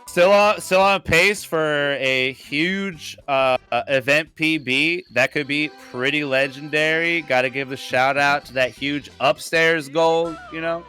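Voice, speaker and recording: A man's voice: fairly high pitch, unhurried, hardly any pauses, pushed and bright, smooth, soft background music. Laid-back slangy young male commentator. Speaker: speedrun commentator. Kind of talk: casual live game commentary.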